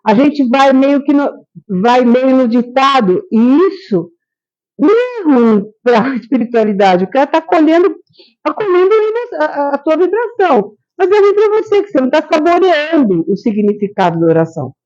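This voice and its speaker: A woman's voice: high voice, expressive, moderate pace, darkish tone. A woman giving a conversational, story-filled lecture to a spiritist group, asking the audience questions as she goes. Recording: dull lo-fi recording.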